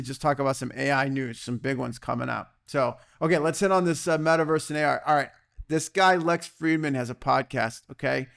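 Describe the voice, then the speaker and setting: A man hosting a podcast in a casual, energetic way, often checking in with "okay" and "right?". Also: mid-range voice, vocal fry. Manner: energetic, excitable, peppers talk with "okay" and "right?". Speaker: podcast host.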